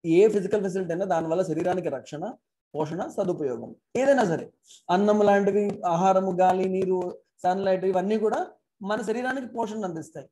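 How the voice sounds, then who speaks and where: Teaching an online class from afar, this man speaks into an external laptop mic, slipping in English phrases and posing rhetorical questions. His high-sitting voice has a dark tone and a moderate pace, with slight background noise on a rough recording.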